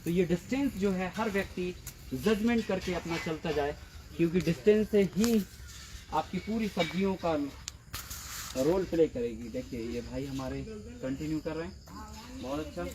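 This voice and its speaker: A man's voice: sits high, lively intonation, moderate pace. A man leading a farming training session outdoors, patiently talking trainees through the work and repeating his words as he goes. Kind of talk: outdoor field instruction. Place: farm field outdoors. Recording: faint outdoor insect noise.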